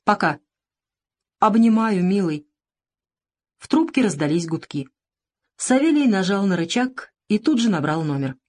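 A woman reading a crime novel aloud as audiobook narrator, expressive in her reading. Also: medium pitch, moderate pace, slightly rough.

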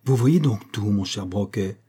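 A man reading the part of a shrewd, composed male detective in an audiobook, speaking in a crisp, assured way. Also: fairly low pitch, unhurried, warm tone. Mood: probing.

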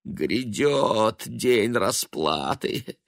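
A man's voice: fairly high pitch, expressive, normal speed, a bit bright, no room sound, studio quality, pitched above the performer's own voice. A man voicing a nagging, stingy old mother. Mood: scolding. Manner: nagging, bitter and self-pitying. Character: stingy, reproachful old mother, scolding her grown sons.

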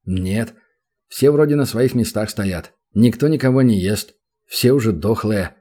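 A man's voice: on the low side, measured pace, warm tone, breathy edge. A man voicing a sly, mocking male demon hero who drawls dry, teasing remarks, in an audiobook.

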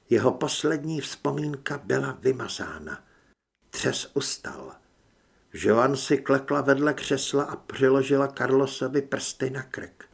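A man's voice: medium pitch, vocal fry, breathy edge. A man narrating an audiobook in a dramatic way, acting out the dialogue as he reads.

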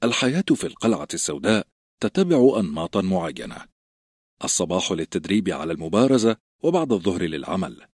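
A man narrating an audiobook in an expressive storytelling manner. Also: deep voice, husky, no room sound, clean studio sound. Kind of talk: scripted narration.

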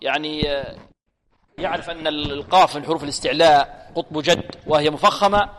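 A man with a high-pitched voice gives a recitation lesson. He poses questions to his listeners and answers them himself, then drills syllables slowly over and over. His voice rings out with a long reverb, as in a large hall. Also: a bit bright, slight background noise. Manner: drills syllables slowly and repeats each one. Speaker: Quran recitation teacher. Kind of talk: tajweed lesson with recited examples.

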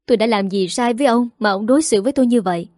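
A woman's voice: on the high side, racing, darkish tone, dry recording, studio quality, close to an everyday voice. A woman voicing a jealous wife in her fifties who complains plaintively, read in a storybook.

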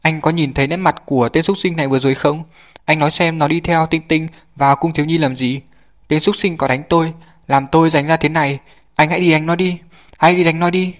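Man voicing a hysterical grieving mother, shrill raised pitch, shouted and loud, vengeful storybook woman. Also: steady tone, quick pace, lightly acted. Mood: furious shrieking. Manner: shrill screaming accusations.

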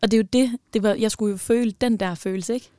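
A young woman telling a personal story as a podcast guest, animated and emotional, with many fillers. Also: on the high side, no echo, clean studio sound.

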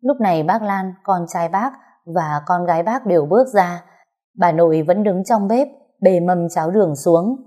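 Woman narrator, low, mellow, steady story read. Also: moderate pace. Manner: steady first-person storytelling. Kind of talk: scripted ghost-story narration.

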